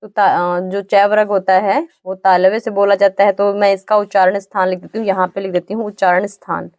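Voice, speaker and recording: A woman teaching an exam-prep grammar lesson, patiently repeating definitions and sounding out each letter slowly. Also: medium pitch, level tone, a little mellow, no echo, studio quality.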